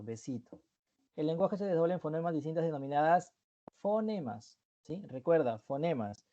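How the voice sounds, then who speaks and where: A man's voice: fairly high pitch, mellow, lo-fi sound. A man teaching an online review class, explaining terms step by step and often checking in with the students.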